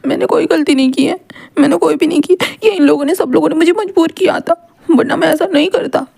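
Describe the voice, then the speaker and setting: Brief: a woman doing a clingy, weepy young male angel from a storybook, high and pleading, rattled off at speed. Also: fast talker, dark tone. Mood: tearful pleading. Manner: pleading, whiny, breaking into sobs.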